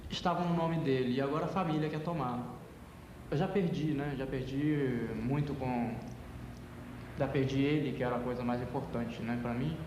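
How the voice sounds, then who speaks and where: A man from Minas Gerais, speaking haltingly in a documentary interview. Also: medium pitch, steady tone, noisy background. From Minas Gerais, Brazil. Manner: halting, searching for words. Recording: echoey hall with music underneath.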